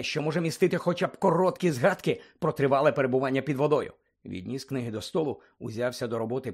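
A man reading a children's fantasy book aloud in an expressive, measured and softly dramatic way. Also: medium pitch, breathy edge. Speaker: audiobook narrator. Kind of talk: expressive storybook narration.

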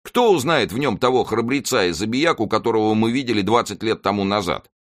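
A man voicing Planchet, a former servant turned pastry-cook, excitable and protesting. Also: on the low side, a little fast, pitched above the performer's own voice, close to an everyday voice.

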